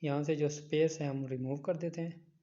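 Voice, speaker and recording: A man's voice: on the high side, steady tone, normal speed, mellow. Man explaining an editing app, lo-fi. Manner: step-by-step, repeats instructions. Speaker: online teacher. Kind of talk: screen-recorded app tutorial.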